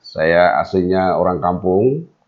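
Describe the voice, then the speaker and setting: Deep-voiced man, measured talk. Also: lively intonation. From Temanggung, Central Java, Indonesia. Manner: measured, hesitant with many fillers. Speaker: guest, business owner. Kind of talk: interview conversation. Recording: dull lo-fi audio.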